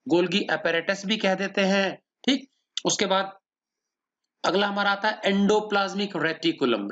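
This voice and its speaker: A man's voice: high-pitched, fairly bright tone. A male science teacher with an Indian English accent, lecturing students in a patient manner and often checking whether they have understood. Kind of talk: classroom lecture, mixing Hindi and English. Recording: dull lo-fi audio.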